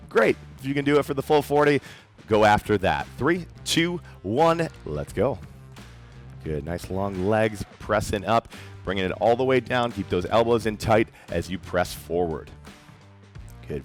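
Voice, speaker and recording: A man coaches a workout in a fairly low voice, calling out encouraging cues and counting down each set. Soft music plays faintly behind him. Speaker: fitness coach. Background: faint background music.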